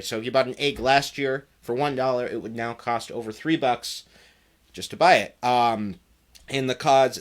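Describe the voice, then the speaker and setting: A man's voice: mid-range voice, fairly bright tone. A man hosting a live show, talking through a story in a half-joking mock newscaster delivery, with lots of ums and uhs and wry asides. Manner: wry, joking, many fillers. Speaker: host.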